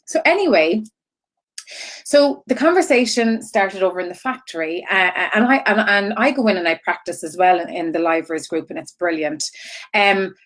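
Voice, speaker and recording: Woman, online business coach, informal live teaching, rambling, repetitive, mid-pitched voice, frequent check-ins. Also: lively intonation, normal speed, fairly bright tone. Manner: rambling, goes off on tangents and circles back; repeats herself and checks in with "right?" and "okay?".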